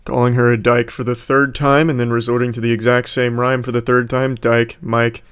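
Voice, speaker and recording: A man's voice: medium pitch, little pitch movement, normal speed, fairly bright tone, a little hiss or hum. A man giving sarcastic, mocking commentary on rap battle clips. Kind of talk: comedic reaction commentary.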